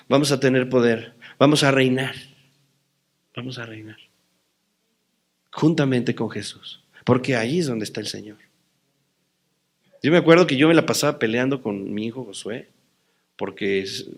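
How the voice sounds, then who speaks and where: A middle-aged man preaching a sermon to a congregation, passionate, swinging between loud emphatic lines and soft, near-murmured ones. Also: mid-range voice. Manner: acts out quoted voices within the preaching. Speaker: pastor. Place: church hall before a congregation.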